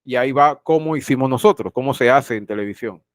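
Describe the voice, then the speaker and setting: A man's voice: medium pitch, quick pace, no echo. Dry-voiced male teacher lecturing online. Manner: repeats phrases, questions students directly. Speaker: university teacher. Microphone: video call.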